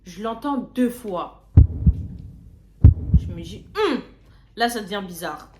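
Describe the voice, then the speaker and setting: A young woman vlogger casually telling a story, slangy and lively, often repeating words. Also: mid-range voice, takes it slowly, heavy background noise. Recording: roomy echo.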